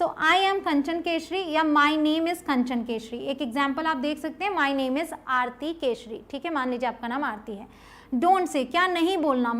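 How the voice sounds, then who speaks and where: High-voiced woman teaching spoken English. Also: a bit bright. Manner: coaxing, repeats questions to the viewer and answers them; slows down to model English phrases.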